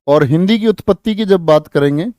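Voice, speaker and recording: A man's voice: sits high, fairly quick, mellow, no echo, studio quality. A man teaching an online exam-prep class, quizzing students and reading out their answers. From India. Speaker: Hindi teacher.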